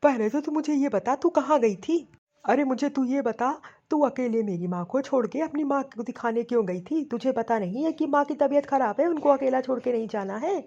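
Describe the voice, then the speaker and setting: A woman's voice: sits high, fairly quick, mellow. A woman voicing a short-tempered young husband in a cartoon story, harsh and scolding. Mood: angry. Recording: dull lo-fi audio.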